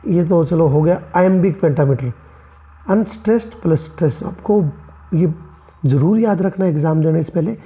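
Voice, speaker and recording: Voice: mid-range voice, dark tone. A literature teacher giving an exam-prep lecture, asking rhetorical questions and answering them, addressing the students as friends and mixing in English terms. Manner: mixes English terms into explanations.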